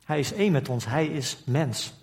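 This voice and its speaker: A man's voice: a little high, expressive, normal speed, darkish tone. A man preaching a sermon, asking reflective questions and reading scripture aloud in old formal wording. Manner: reflective, asks rhetorical questions.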